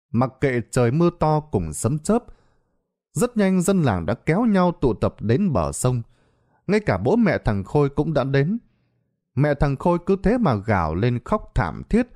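A man narrating a dramatic horror story in an expressive, theatrical way. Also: medium pitch.

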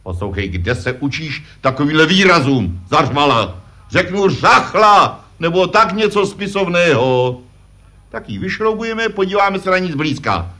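A man's voice: a little high, lively intonation, bright, forceful tone. Spejbl, a pompous puppet father. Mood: lecturing. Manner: self-important, lecturing, fond of "že jo". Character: pompous blustering puppet father, know-it-all. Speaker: puppet performer. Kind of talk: vintage puppet comedy sketch.

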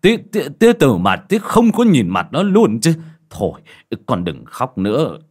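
A man's voice: mid-range voice, huge pitch swings, moderate pace, a little mellow, breathy edge. A man voicing an anxious old village father, stammering and fussing protectively. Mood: reassuring. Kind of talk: audiobook character voice.

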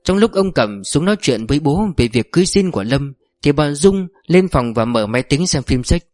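Guy reading a story out, slightly high voice, dry close mic, faint music behind. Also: brisk, no echo. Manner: steady storytelling. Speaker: narrator. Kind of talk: audiobook narration.

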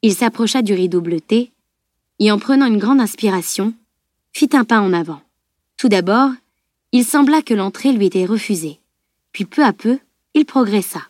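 Woman reading a novel out loud, calm steady voice, dry sound. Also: medium pitch, normal speed, pauses often, dry recording. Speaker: audiobook reader. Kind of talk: scripted narration.

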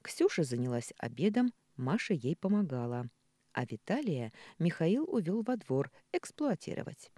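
Expressive audiobook narrator, mellow tone. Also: mid-range voice, moderate pace, no echo. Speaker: audiobook reader. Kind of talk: scripted narration.

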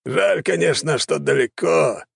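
A man voicing an excitable, scheming male gnome king in an audiobook, exclaiming theatrically. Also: on the high side, unhurried, gravelly, slightly rough, dry recording, studio quality, voice pushed up, heavily acted. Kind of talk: audiobook character voice.

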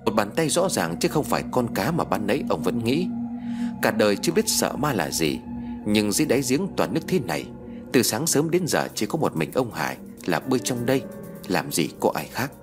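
A man narrating a suspenseful ghost story as an audiobook reader, in a lively storytelling manner. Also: on the low side, a little fast, music in the background. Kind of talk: scripted narration of a horror story.

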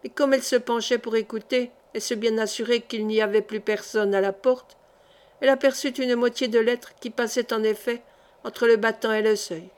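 A woman narrating a historical novel as an audiobook, in a measured, expressive reading. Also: fairly high pitch.

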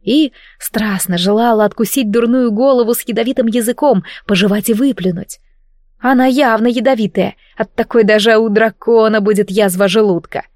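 A woman narrating a first-person audiobook with wry, lively storytelling. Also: a little high, normal speed, no echo, clean studio sound.

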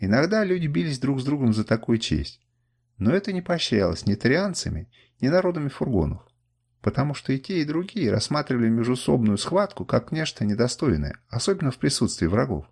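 A male audiobook reader tells a first-person story with a husky voice. His pitch rises and falls expressively through the narration. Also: sing-song, fairly quick, darkish tone.

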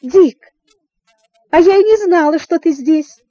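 A woman voicing an excited young tomboy girl in a storybook reading, talking in a breathless, gushing way. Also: high-pitched, normal speed, no room sound, highs cut off, pitched above the performer's own voice.

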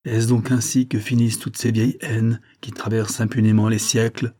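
A man's voice: fairly low pitch, flat delivery, normal speed, warm tone, lightly acted. A man voicing an elderly aristocratic general, a father moved by his daughter, in an audiobook. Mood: emotional. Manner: exclaiming, tremulous.

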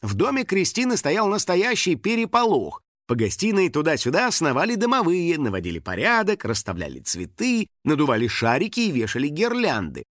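A man narrating a children's story in an audiobook with expressive storytelling. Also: a little high, a little fast, hardly any pauses, no room sound, studio quality. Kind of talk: scripted narration.

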